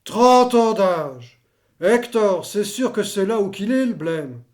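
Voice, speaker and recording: Male actor as grumbling old veteran, high voice, blustering slangy delivery, stage comedy. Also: lively intonation, unhurried, a little mellow. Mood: mocking. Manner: colloquial, blustering, twisted slangy grammar. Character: Achille, grumbling, mocking old war veteran. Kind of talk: theatrical comedy acting.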